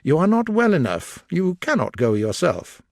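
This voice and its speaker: A man reading aloud, voicing a reserved young gentleman who speaks with urgent, earnest concern. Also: fairly high pitch, huge pitch swings, normal speed, creaky, dry recording, studio quality, pitched above the performer's own voice, heavily acted. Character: reserved young gentleman, shocked but composed.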